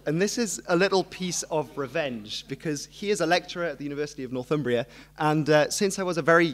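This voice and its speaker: An early-20s student speaker with a medium-pitched voice gives an informal history lecture full of self-deprecating humour. He stands on stage in a hall before a seated audience, speaking into a microphone on a stand at a lectern.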